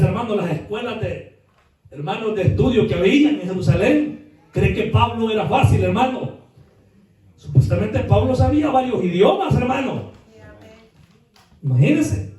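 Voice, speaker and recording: A male pastor from El Salvador preaching a sermon, swinging between quiet asides and shouted outbursts with rhetorical questions. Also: sits high, animated, unhurried, pauses often, soft background music. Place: church. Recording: echoey church hall, mic at a distance.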